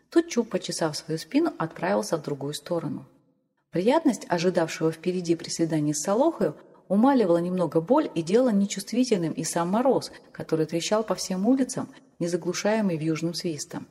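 A woman narrating a classic story in a measured, even storytelling manner. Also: fairly low pitch. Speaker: audiobook reader. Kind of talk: scripted literary narration. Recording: long hall reverb.

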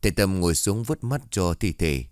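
Deep-voiced male horror storyteller. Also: expressive, normal speed, a little mellow, no room sound, clean studio sound. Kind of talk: scripted narration of a horror tale.

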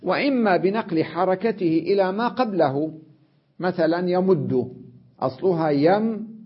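A man teaching an Arabic grammar lesson, sounding out letters slowly, repeating examples and often checking that the listener follows. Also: high voice, husky, muffled recording. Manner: addresses the listener directly with checks like "notice" and "right?".

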